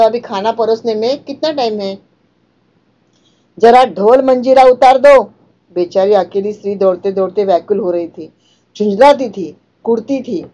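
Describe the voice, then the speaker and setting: A woman's voice: medium pitch, warm tone, highs cut off. A woman teacher reading out a story and explaining each line in simpler words.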